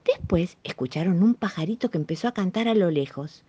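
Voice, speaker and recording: A woman's voice: lowish voice, expressive, a little fast, mellow, slightly rough, no echo. A woman narrates children's bedtime stories in a Rioplatense accent, her melody rising and falling a lot. The recording is close and dry, with a slightly dull, muffled top end. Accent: Rioplatense Spanish. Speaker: storyteller.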